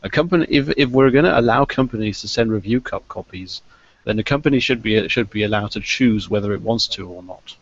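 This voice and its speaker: A man in casual podcast chat, talking haltingly and restarting his words often. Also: on the low side, muffled recording.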